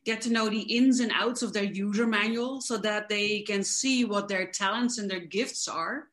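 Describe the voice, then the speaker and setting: A woman's voice: mid-range voice, moderate pace, a bit bright. Woman coach explaining with enthusiasm. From the Netherlands. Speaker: guest, coach. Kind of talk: casual interview.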